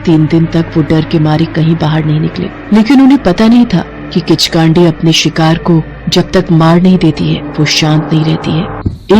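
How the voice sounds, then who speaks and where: A woman narrating a scripted cartoon horror story with steady, dramatic storytelling. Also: sits low.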